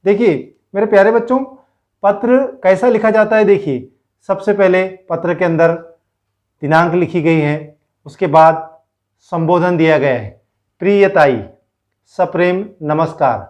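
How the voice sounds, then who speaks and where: A man's voice: high-pitched, steady tone, unhurried, a little mellow, highs cut off. A male teacher explaining a school lesson, reading lines aloud, repeating words and asking pupils questions.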